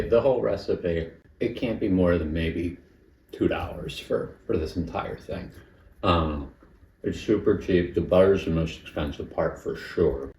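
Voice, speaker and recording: Talking between bites, a man running a home cooking channel cooks and tastes in a casual vlog, chatty and hard on himself. The low, slightly mellow voice is recorded from a distance with a roomy sound, slight background noise, and rough quality.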